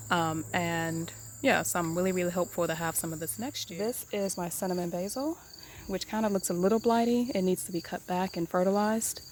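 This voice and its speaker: Woman host, lowish voice, easygoing and rambling with lots of "um" and "really, really", recorded outdoors in a garden with crickets chirping. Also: background noise. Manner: relaxed, rambling, many ums and repeated "really, really". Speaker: home gardener giving an herb tour. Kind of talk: casual garden tour vlog. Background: crickets and insects.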